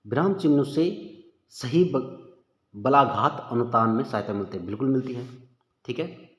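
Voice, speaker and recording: A man with a medium-pitched, slightly bright voice runs a casual exam-prep session at a moderate pace, addressing listeners as "bhai" and reasoning out loud over each question. The recording is dull and lo-fi, with a long, echoey reverb.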